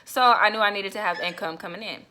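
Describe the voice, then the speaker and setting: Chatty young woman, bright voice. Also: mid-range voice, quick pace, slight background noise. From Florida. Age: young adult. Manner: chatty, animated storytelling addressing viewers as y'all. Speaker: vlogger. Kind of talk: casual testimony vlog.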